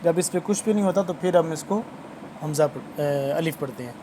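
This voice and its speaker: A man's voice: a little high, background noise. A man teaching Quran reading in an online lesson, addressing viewers formally and repeating words as he explains.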